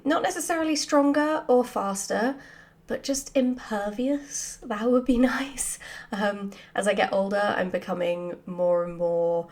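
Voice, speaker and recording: A writer hosting a Q&A answers questions casually in a mid-range voice. She's animated and giggly, often poking fun at herself.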